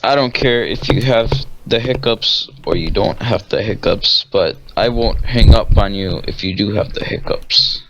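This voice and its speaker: A man's voice: fairly low pitch, a little slow, hardly any pauses, a bit bright, muffled recording. Man giving dry replies over noisy chat. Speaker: friend on voice chat. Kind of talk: casual voice chat.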